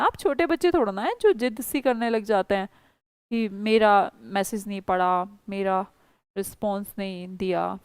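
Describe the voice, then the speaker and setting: A woman's voice: fairly high pitch, darkish tone, smooth, no room sound. A woman with an Indian accent teaching a spoken English class online, coaxing and reassuring her students.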